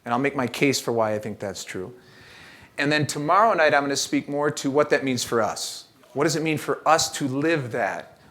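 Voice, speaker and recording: Middle-aged male keynote speaker, easygoing and wry, storyteller who leans on "uh" and "so" between thoughts, mid-range voice. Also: medium pitch. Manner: relaxed, joking, storytelling with frequent fillers. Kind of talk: conversational keynote talk with storytelling. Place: church event space.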